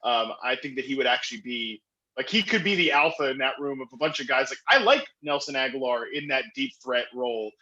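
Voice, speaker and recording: A man's voice: mid-range voice, muffled recording. A man speaking as a guest analyst on a podcast, talking enthusiastically with lots of fillers and restarts. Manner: excitable, fast talker with frequent fillers and restarts. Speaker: fantasy football analyst guest.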